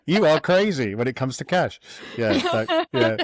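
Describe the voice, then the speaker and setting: A man's voice: mid-range voice, wildly swooping pitch, moderate pace, no echo, studio quality. A man hosting a podcast, talking reflectively and self-deprecatingly about money, with laughs. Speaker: podcast host. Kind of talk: casual podcast chat.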